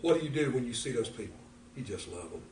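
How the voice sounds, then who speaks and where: An older man preaching a folksy, animated sermon as pastor, acting out little conversations. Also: mid-range voice, fast talker, a crowd in the background. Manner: folksy, animated, acts out dialogue. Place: church. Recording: echoey church room from far off.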